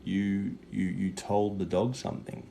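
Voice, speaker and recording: Here the medium's voice is low and mellow, his delivery flat and his pace measured as he gives live readings on a livestream. He stays casual, matey and foul-mouthed with lots of slang, and background noise sits behind a clear signal.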